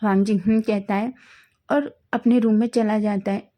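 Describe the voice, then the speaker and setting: A woman's voice: mid-range voice, steady tone, a little slow, mellow. A woman reading a romance fan fiction story aloud in plain storytelling style, now and then correcting herself.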